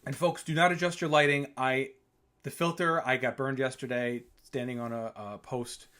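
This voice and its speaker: A man's voice: mid-range voice, steady tone, normal speed, fairly bright tone. A man hosting a casual video interview, upbeat and encouraging, often restarting his sentences. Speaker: host.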